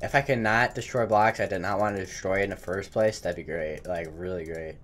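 A man's voice: deep voice, fairly even intonation, fairly quick, fairly bright tone, soft background music. A man giving casual, rambling gaming commentary while he builds, stumbling over his words and cursing mildly at his own mistakes. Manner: self-mocking, chatty. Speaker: gaming channel host. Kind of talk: live Minecraft building commentary.

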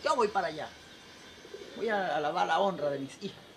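A man's voice: sits high, lively intonation, fairly quick. Man putting on a blunt, proud mother. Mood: indignant. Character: poor middle-aged mother, proud and blunt. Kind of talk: joke telling. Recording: noisy background.

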